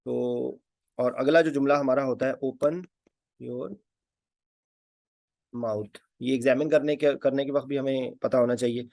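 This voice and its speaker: A male teacher talks through a casual lesson, stopping often to hesitate and repeat words. His voice has a gravelly fry to it. The recording is dry and close, and his voice drops off now and then as he turns away to write. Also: medium pitch, fairly even intonation, unhurried, long pauses, darkish tone, no echo. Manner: hesitant, many fillers, repeats key words. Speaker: anesthesia teacher. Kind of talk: informal spoken lesson.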